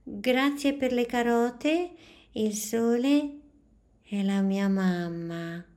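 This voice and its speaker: A woman's voice: drawn-out words, darkish tone, a little hiss or hum. A woman doing a curious little girl. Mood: eager. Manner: high, eager childlike questions.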